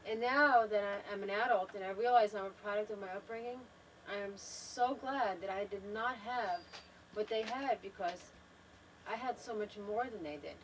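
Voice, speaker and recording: Sitting in a travel trailer, an older woman talks reflectively and unhurriedly to a home video camera as the wife in a family video, repeatedly trailing off and restarting. Her mid-range voice keeps a moderate pace; the rough recording is distant with slight background noise.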